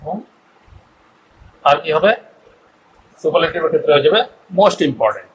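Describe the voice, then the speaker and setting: A man's voice: fairly high pitch, expressive, moderate pace, a little hiss or hum, low-quality recording. A man teaching an English grammar lesson with a Bengali accent, explaining step by step and checking in with his students often. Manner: explains step by step, often asks "ঠিক আছে?".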